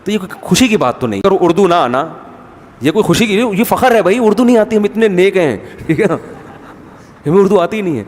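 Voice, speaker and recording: A man with a fairly high voice delivers a conversational religious lecture. He is wry and often acts out bickering relatives in their own tones. His voice rings out with the long reverb of a large hall. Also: lively intonation, darkish tone. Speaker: Islamic scholar giving a talk.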